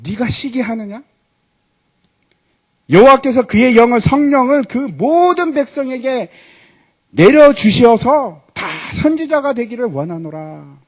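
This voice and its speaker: A pastor doing an exasperated old prophet. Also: male voice, very high-pitched, lively intonation, a little slow, pitched above the performer's own voice, full character voice. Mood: solemn. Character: exasperated old male prophet pleading with God.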